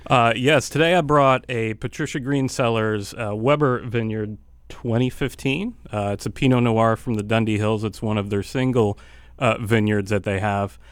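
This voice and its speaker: A man's voice: on the low side, normal speed, smooth, no echo. A man from Buffalo, New York with a Western New York accent, a guest chatting easygoingly about wine on a radio show in a studio, with many fillers. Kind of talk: casual radio chat.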